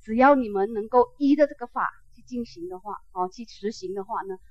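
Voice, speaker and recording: A woman voicing a gentle, dying old male teacher who speaks soothingly and reassures his disciples. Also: on the high side, brisk, close to an everyday voice. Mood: reassuring. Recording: dull, dry lo-fi recording.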